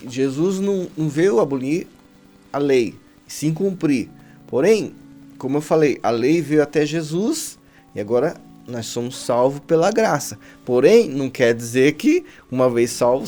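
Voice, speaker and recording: A man's voice: fairly high pitch, mellow. A man giving an informal sermon to a video audience, talking in a conversational way with frequent "amém?" and "né?" checks and many restarts. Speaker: preacher.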